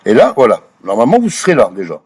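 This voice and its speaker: A man walking viewers through software settings in a screen-recorded tutorial, hesitant, full of fillers and restarts, often checking in with the viewer. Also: medium pitch, wildly swooping pitch, fast, breathy edge. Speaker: Blender tutorial creator.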